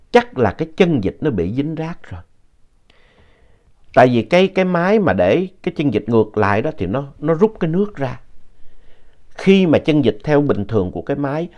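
A man narrates a spooky tale in a relaxed, conversational manner. His pitch moves a lot, rising and falling as he goes, and he stops now and then to explain things. The audio sounds dull and lo-fi. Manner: unhurried, conversational retelling with explanatory asides. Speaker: storyteller reading a listener's ghost story.

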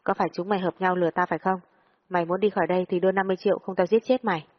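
A woman's voice: lowish voice, steady tone, very fast, lightly acted. A woman voicing a threatening male debt-collector thug who bullies a young woman in an audio story. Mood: menacing. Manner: menacing, contemptuous. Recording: dull lo-fi audio with long reverb.

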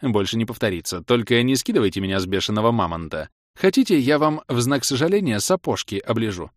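A man's voice: medium pitch, big pitch swings, quick pace, no room sound, clean studio sound, close to an everyday voice. A man voicing a sneaky, crude male rogue who speaks with drawling mock politeness in a fantasy audiobook. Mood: mock-apologetic.

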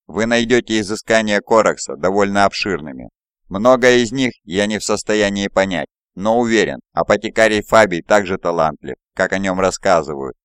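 A man voicing a sly, scheming male primarch in an audiobook, smooth and mocking. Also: fairly low pitch, normal speed, no echo, clean studio sound, lightly acted. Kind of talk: audiobook character voice.

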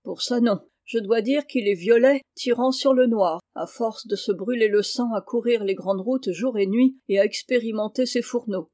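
A woman voicing a rough farmhand who mocks a boy with scornful jokes. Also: fairly high pitch, normal speed, few pauses, warm tone, no echo, studio quality, lightly acted. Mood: mocking. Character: mocking rough farmhand, adult man.

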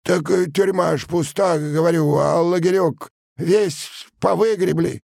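Guy doing a whiny scared peasant, stammers, slow and squeaky high. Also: vocal fry, husky, no echo, clean studio sound, exaggerated voice. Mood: pleading. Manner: pleading, stammering. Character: cowering bearded peasant workman, whining.

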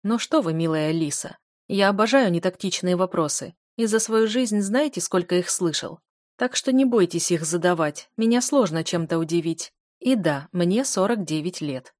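A woman reading the lines of a worldly, wry man of about fifty in an audiobook, speaking in an unhurried, amused way. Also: lowish voice, lively intonation, darkish tone, dry recording, studio quality, lightly acted. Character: dry, ironic 49-year-old man, worldly.

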